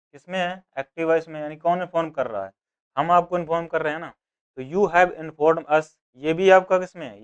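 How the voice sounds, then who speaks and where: Male exam tutor, smooth resonant voice, slightly high, question-and-answer teaching style. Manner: asks and answers his own questions, voicing students. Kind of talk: grammar lesson for exam prep.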